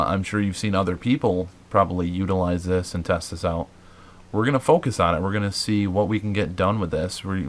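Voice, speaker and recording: A man's voice: low voice, a bit bright. A man hosting a paranormal show, explaining casually to viewers with many fillers and restarts. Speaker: paranormal investigator host.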